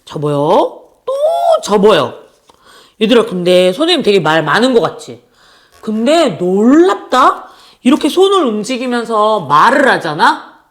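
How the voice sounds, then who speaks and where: A woman's voice: medium pitch, sing-song, moderate pace, fairly bright tone. A woman in her thirties who teaches young children, talking them through a paper craft in a playful, chatty, singsong way. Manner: playful, singsong, chatty, addresses kids directly.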